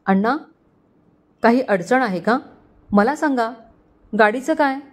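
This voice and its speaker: A woman reading an earnest young man in a storybook romance, quick to offer help and sounding raised and bright. The line reads as considerate and sincere, with a light lift in pitch. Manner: earnest, helpful.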